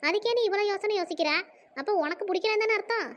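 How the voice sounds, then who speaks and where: Squeaky, indignant village sister. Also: a bit bright. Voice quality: high squeaky cartoon voice. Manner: fast, scolding, emotional. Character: indignant middle-aged village woman, the sister. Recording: dull lo-fi audio.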